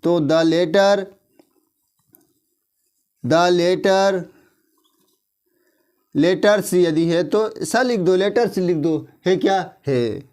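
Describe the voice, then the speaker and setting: An Indian male English teacher with a high-sitting, darkish voice gives a grammar lesson in a casual, conversational way. He tells a moral story, checks in with listeners again and again through repeated tag questions, and slows down when dictating.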